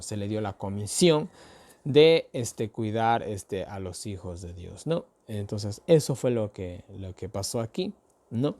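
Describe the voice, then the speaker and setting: A man's voice: on the low side, darkish tone. A man from Ecuador giving a casual Bible study talk. He explains in a conversational way, speaks straight to his listeners, and often stops on tag questions, filler words and restarts. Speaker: Bible teacher.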